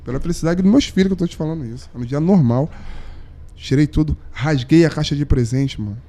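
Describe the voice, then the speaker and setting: A young man with a fairly high, mellow voice, telling a personal story on a podcast. His talk is slangy and heartfelt, and it sinks almost to a whisper at the tender moments. The delivery feels like an unscripted chat among friends. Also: fast. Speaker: podcast guest, saxophonist. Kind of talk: emotional storytelling in casual chat.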